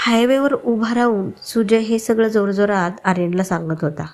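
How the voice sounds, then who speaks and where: A woman narrating a family story in a steady, even storytelling read. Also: mid-range voice, normal speed, soft background music.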